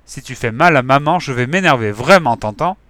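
A man's voice: mid-range voice, moderate pace, dry recording, lightly acted. A man voicing a brave young boy. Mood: shouting. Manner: pleading, then shouting. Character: brave young boy, worried for his mother.

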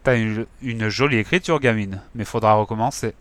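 A man's voice: lowish voice, normal speed, no room sound, natural voice. A man reading a storybook aloud, voicing a mocking male animal smuggler who chuckles and talks in slang. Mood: sneering.

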